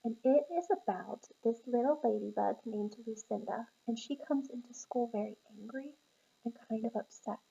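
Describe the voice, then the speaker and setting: A woman's voice: a little high, creaky, dark tone, muffled recording. Encouraging woman reading to kids. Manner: encouraging, pauses to ask children questions. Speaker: teacher. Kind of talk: reading a picture book aloud to children.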